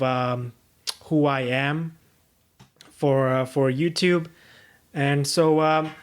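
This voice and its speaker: Earnest young male podcast host, reflective. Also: on the high side. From Pakistan. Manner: earnest, searching, many fillers and restarts. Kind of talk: reflective solo podcast monologue.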